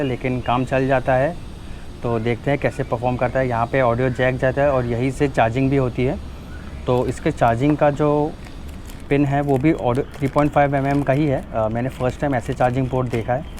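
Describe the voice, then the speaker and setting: A motovlogger with an Indian accent gives a casual, informal hands-on walkthrough of unboxing and installing a product, switching between Hindi and English phrases. His medium-pitched voice is a little mellow, fairly quick, and fairly even in intonation. There's a little hiss or hum in the recording.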